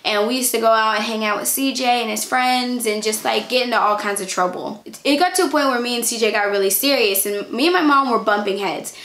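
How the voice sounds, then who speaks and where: Higher-pitched young woman telling a casual storytime. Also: a little fast, hardly any pauses, fairly bright tone. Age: young adult. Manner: chatty, candid, informal with frequent "like" and "you know". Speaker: vlogger. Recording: echoey, roomy sound.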